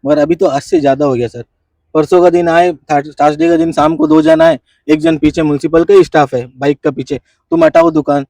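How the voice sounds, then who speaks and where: Aggrieved gravelly street vendor, man. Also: fairly high pitch, animated, brisk, warm tone, no room sound, distant mic. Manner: aggrieved, emphatic complaint. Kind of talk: street interview.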